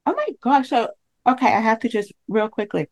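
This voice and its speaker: A woman's voice: a little high, lively intonation, brisk. A woman hosting a podcast interview, chatty and enthusiastic. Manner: enthusiastic, chatty, laughs often. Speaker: podcast host.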